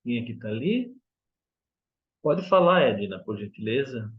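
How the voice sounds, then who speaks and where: A man, an educator hosting an online class, who answers calmly and briefly. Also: medium pitch, measured pace, narrow, tinny audio. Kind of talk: class discussion.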